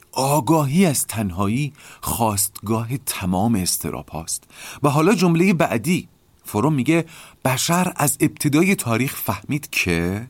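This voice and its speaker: A man hosting a podcast, calmly explaining ideas in a reflective lecture and often asking rhetorical questions. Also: medium pitch, dry recording. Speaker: podcast host.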